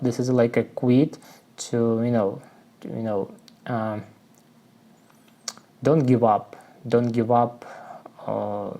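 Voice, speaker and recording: A man with a Russian accent, a native Russian speaker explaining English phrases from song lyrics, searching for words and filling pauses with "you know". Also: medium pitch, dark tone. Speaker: English learning vlogger.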